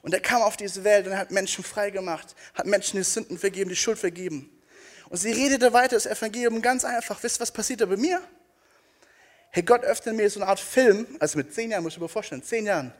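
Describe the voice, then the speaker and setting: Ein junger Mann predigt energisch auf einer Bühne vor Publikum und stellt dem Publikum eindringlich rhetorische Fragen. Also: male voice, sits high, fast talker. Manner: emphatic, rhetorical questions to the audience. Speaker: preacher. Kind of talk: energetic youth sermon. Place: stage before a live audience.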